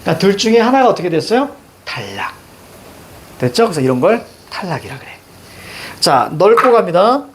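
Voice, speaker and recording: A man's voice: high-pitched, sing-song, fairly quick, pauses often, slight background noise. A male teacher giving a classroom grammar lesson, questioning students and repeating key words.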